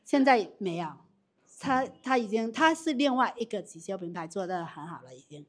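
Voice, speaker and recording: A woman leading a live business training with audience questions, animated and quick to restart her sentences. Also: medium pitch.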